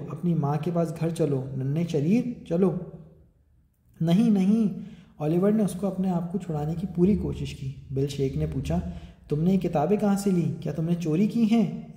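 Man narrating a storybook in an echoey room. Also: dark tone. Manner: raises pitch and volume for characters' lines. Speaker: audiobook narrator. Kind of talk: storybook narration with acted dialogue. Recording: echoey room with long reverb.

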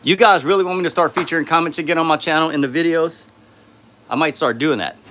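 Suffering from a sore throat, a man speaks softly while hosting a casual live stream on a phone from his home studio. He answers chat in a tired, low-key way, his speech fast and a bit bright.

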